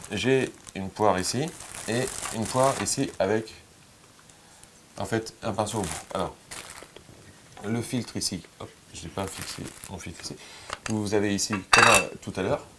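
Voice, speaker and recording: A man with a very low voice gives a relaxed, hands-on photography lesson. He explains each step plainly as he demonstrates, with frequent pauses and filler sounds. A faint hiss sits under the voice. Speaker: photography teacher.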